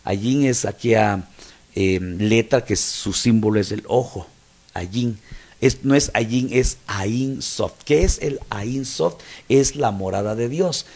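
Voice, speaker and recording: A man's voice: on the low side, takes it slowly, darkish tone. A man with a Mexican Spanish accent, a pastor teaching a Bible study, explaining terms and checking that listeners follow.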